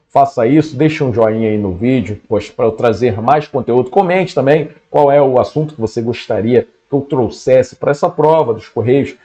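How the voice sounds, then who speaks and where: A man's voice: medium pitch, mellow, highs cut off. A man with a Brazilian Portuguese accent giving an exam-prep grammar lesson in a casual way, often checking in with his students. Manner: casual, keeps checking in with "beleza?".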